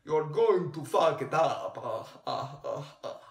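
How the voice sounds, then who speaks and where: A man voicing a theatrical male vampire cereal mascot with a slow, drawn-out put-on accent and counting laughs, in a roomy space. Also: fairly high pitch, expressive, gravelly, recorded from a distance, heavily acted. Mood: mocking. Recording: roomy echo.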